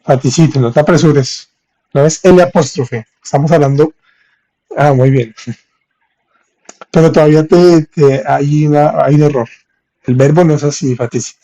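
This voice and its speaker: A man teaching French in on a live stream, reading viewers' comments and saying French examples slowly. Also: on the high side, dark tone. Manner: reads viewers' chat, thanks them for gifts, spells French slowly. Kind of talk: live-streamed language lesson.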